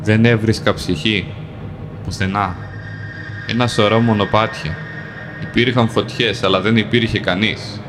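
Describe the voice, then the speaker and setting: A man reading a dark first-person fantasy tale in a calm, measured way, in short plain sentences. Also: lowish voice. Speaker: storyteller. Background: music.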